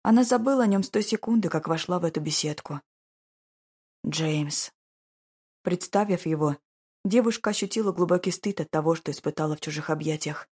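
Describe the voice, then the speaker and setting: Low, husky woman reading an audiobook. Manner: slow, even, measured reading. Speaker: audiobook narrator. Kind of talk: scripted narration of a romance novel.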